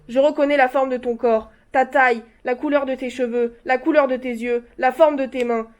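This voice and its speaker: Brief: a woman playing a scared, grieving mother, high voice, tense and pleading. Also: natural voice. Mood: lamenting. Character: frightened, grieving middle-aged mother. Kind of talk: stage play reading.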